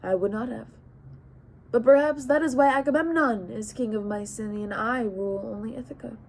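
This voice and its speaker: A woman's voice: a little high, a little mellow. A woman doing a wry, cunning king. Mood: wry, measured. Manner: measured, wry, unhurried. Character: cunning, calm older male king and counselor.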